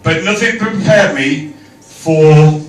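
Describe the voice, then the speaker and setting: A man's voice: fairly high pitch, takes it slowly, a little hiss or hum. A man giving an informal, jokey wedding toast as best man, projecting his voice to a room. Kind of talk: informal wedding toast speech with comic rhyming verse. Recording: echoey room, picked up from far off.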